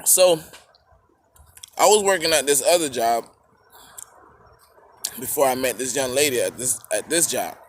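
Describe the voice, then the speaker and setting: A man telling a rambling personal story to camera, halting with fillers and restarts, eating while he talks. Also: medium pitch, lively intonation.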